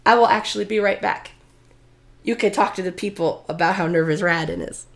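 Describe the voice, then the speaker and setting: A woman's voice: mid-range voice, fairly quick, gravelly. A woman acting as game master, mixing improvised story narration with playful, theatrical, emphatic chat.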